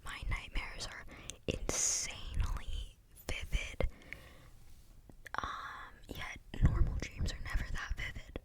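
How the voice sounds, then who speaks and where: A young woman gives a rambling, unscripted ASMR talk in a breathy, clicky whisper, very close to the mic as if right in your ear. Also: takes it slowly. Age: young adult. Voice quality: breathy, unvoiced whisper with clicky mouth sounds. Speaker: ASMR video creator. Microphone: close microphone without cover.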